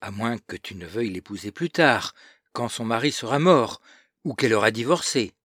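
A man's voice: mid-range voice, expressive, moderate pace, fairly bright tone, no room sound, clean studio sound. A man voicing a naive, earnest young girl who asks hesitant, timid questions in an audiobook reading.

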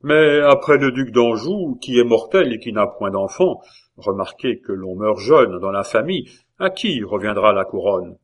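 A man's voice: fairly low pitch, animated, normal speed. A man voicing a fiery, zealous male innkeeper giving a rousing speech in an audiobook. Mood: impassioned. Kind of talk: audiobook character reading.

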